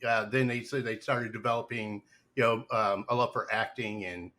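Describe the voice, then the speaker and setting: A man's voice: fairly low pitch, steady tone, normal speed, sharp tone. A man hosting a casual live podcast interview, talking loosely with many fillers and restarts. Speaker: podcast host.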